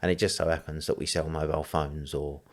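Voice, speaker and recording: A man's voice: a bass voice, flat delivery, fast. A man from the East End of London with an East London accent, talking in a rambling, conversational way as an interview guest, with many fillers. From East End of London, England. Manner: rambling, frequent fillers, laughs easily.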